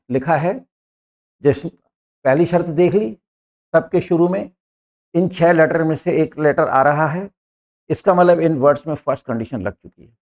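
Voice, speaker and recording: Gravelly-voiced man teaching grammar step by step. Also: fairly high pitch, a little mellow. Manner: repetitive, step-by-step drilling, addresses viewers as friends; points at words on a board as he explains. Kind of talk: explanatory lesson.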